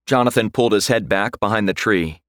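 A man reading a horror story aloud in slow, dramatic scripted narration. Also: lowish voice, a bit bright, no echo, studio quality.

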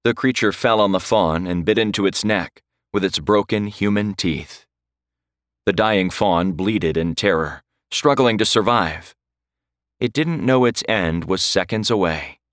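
A man reading a horror story aloud in slow, dramatic scripted narration. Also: on the low side, a bit bright, no room sound, studio quality.

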